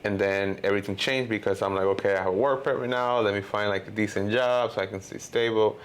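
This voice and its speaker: A fast-talking filmmaker from Honduras, in his thirties, rambles through a casual interview as the guest, leaning heavily on "you know" and "like." His voice is lowish and clean, with fairly even intonation.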